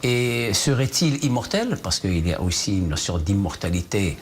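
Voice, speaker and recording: A man's voice on the low side, with lively intonation and a moderate pace, belongs to a Moroccan novelist being interviewed on TV news. He answers in the studio with hesitation, using lots of fillers and restarting often.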